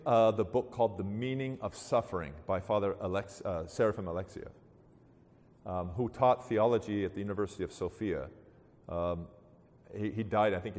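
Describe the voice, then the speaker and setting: A man's voice: deep voice, a little mellow, big-room sound. A man giving a sermon in a loose, conversational storytelling manner, acting out the voices of people in his stories.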